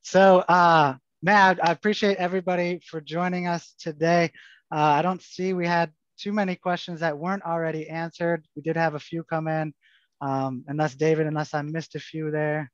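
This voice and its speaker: A man's voice: a little high, level tone, moderate pace, smooth, no room sound. A man hosting a casual webinar chat over a video call, jokey and upbeat. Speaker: show host. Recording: muffled video call audio.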